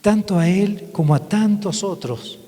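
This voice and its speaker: Priest telling stories in a reverberant church. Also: male voice, high voice, warm tone. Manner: halting storytelling with frequent restarts. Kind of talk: testimony talk to a parish congregation. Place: parish church.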